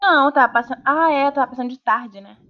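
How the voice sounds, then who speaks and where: A woman with a fairly high voice co-hosts a loose podcast chat. She tells stories with animation and swears freely. The audio is dull and lo-fi. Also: quick pace. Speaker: podcast co-host. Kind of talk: casual chat.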